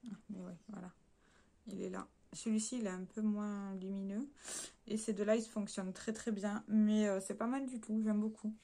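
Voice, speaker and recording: A woman runs through a casual beauty haul at an everyday mid pitch. She talks straight to her viewers in a loose, chatty way, pausing on fillers and correcting herself mid-sentence. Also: little pitch movement, dark tone. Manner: chatty, hesitant with frequent fillers and self-corrections; addresses viewers directly while showing swatches. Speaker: beauty vlogger.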